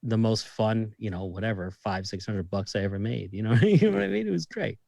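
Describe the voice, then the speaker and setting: A man in his thirties with a Boston accent chats as a podcast guest. He tells stories with lively energy and swears easily. The recording is dry and close. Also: on the low side, brisk, gravelly, no room sound. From Massachusetts. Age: 30s. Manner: lively storyteller, swears casually. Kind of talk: casual chat.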